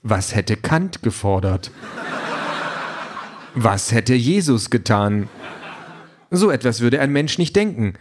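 A man voicing an overeager, talkative male self-driving car that lectures in a bright, chatty way, reading an audiobook. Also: medium pitch, sing-song, slow, pauses often, a little hiss or hum. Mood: lecturing. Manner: brightly chatty, lecturing, flares into furious shouting.

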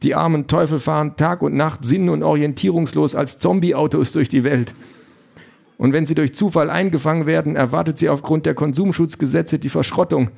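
A man's voice: on the high side, steady tone, a little fast, vocal fry, darkish tone, pitched above the performer's own voice. A man doing a prissy, overly polite self-driving car. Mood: prim, polite. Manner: overly formal, eager to please.

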